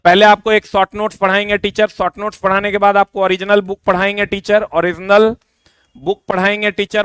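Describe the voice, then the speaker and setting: A man explains a course to exam students in a loose, repeating way, addressing them directly. His voice sits high for a man and sounds smooth and resonant. The recording is dry, with almost no room sound. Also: fairly bright tone, dry recording. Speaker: coaching teacher.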